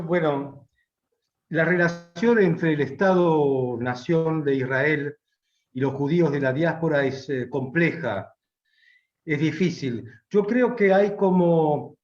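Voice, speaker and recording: A man speaking Argentine Spanish, giving a measured, reflective answer at a public talk, pausing and restating his phrases. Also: on the high side. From Romania, raised in Argentina. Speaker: guest philosopher. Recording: echoey, dull lo-fi room sound.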